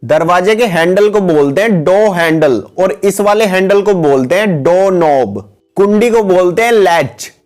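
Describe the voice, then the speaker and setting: High-voiced male teacher naming words. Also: unhurried. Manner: steady repetitive naming, addresses viewers as guys. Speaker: English teacher. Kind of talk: vocabulary lesson voice-over with pictures.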